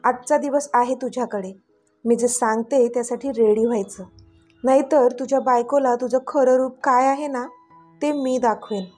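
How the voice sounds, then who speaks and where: A scheming young woman in a storybook tale, put on by a woman narrator. She teases and sneers, with a slightly high voice. Faint music plays underneath. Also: fairly even intonation, moderate pace, a little mellow, lightly acted. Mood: menacing. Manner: teasing, sneering.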